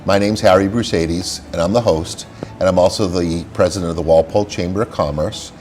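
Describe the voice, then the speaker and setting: Low-voiced man hosting a local show. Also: brisk, darkish tone, a little hiss or hum. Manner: friendly, scripted welcome then chatty questions. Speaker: host of a local business show. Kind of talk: local cable interview.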